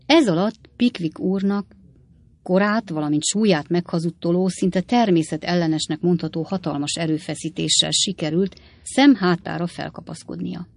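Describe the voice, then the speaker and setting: A woman narrating an audiobook in a measured storytelling manner. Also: on the low side, vocal fry, dry recording.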